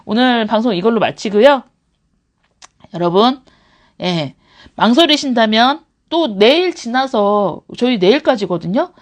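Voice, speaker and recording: Animated woman hosting a parent live stream. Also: a little high, a little slow. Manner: animated, laughs often, acts out examples. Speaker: English academy director hosting a live stream. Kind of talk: live-stream talk answering parents' questions.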